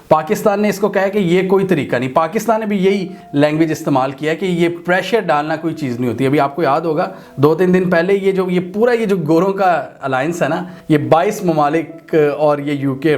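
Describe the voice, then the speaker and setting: A man giving an unscripted, opinionated commentary on world affairs, speaking conversationally and restarting his sentences often. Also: a little high.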